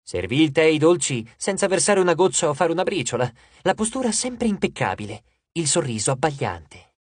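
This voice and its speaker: An audiobook narrator reading a novel in an expressive, measured storytelling manner on a close studio microphone. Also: medium pitch, slightly rough, no room sound.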